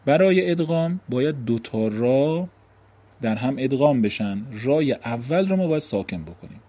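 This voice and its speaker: A man's voice: lowish voice, darkish tone, slightly rough. A man teaching an Arabic grammar lesson, explaining step by step and asking and answering his own questions.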